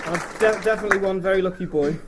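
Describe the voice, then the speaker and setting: A man's voice: high voice, a loud crowd, very noisy. A young man giving an informal, hesitant thank-you speech as the groom at a wedding. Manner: hesitant, halting delivery.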